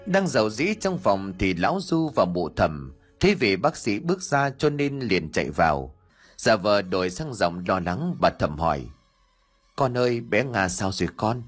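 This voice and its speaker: A man narrating an audiobook in an expressive storytelling manner. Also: lowish voice, normal speed, husky, faint music behind.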